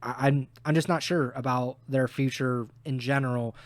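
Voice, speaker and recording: A man's voice: mid-range voice, steady tone, normal speed, no room sound. A man co-hosting a podcast, giving blunt opinions on esports while losing his voice. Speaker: podcast co-host. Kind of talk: casual esports analysis chat.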